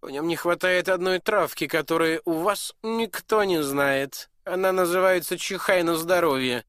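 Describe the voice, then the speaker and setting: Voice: medium pitch, normal speed, fairly bright tone, no echo, studio quality, voice pushed up, close to an everyday voice. A storyteller voicing a smug visiting prince who mocks and condescends to a cook in a storybook reading. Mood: condescending. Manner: mocking, condescending.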